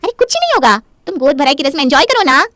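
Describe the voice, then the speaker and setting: Woman as a loving middle-aged mother, heartfelt, slightly high voice, dry sound. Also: animated, fast talker, pushed and bright, dry recording. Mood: coaxing. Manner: heartfelt, speech-like.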